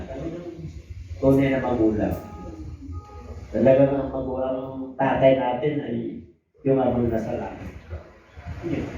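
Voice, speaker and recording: A man preaching a sermon, animated, mixing in English and laughing often. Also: medium pitch, slight background noise. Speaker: pastor. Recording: echoey church hall from far off, dull sound.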